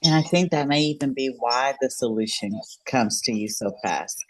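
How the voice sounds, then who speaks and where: A woman's voice: extremely low pitch, moderate pace, poor audio. A woman hosting a podcast, speaking in a reflective, encouraging way with long run-on thoughts. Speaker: podcast host. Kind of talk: conversational interview.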